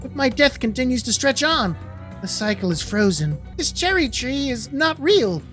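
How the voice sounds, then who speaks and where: A woman voicing a solemn female ghost samurai in a dating game, speaking in a grave, measured way. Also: sits high, big pitch swings, a bit bright, soft background music.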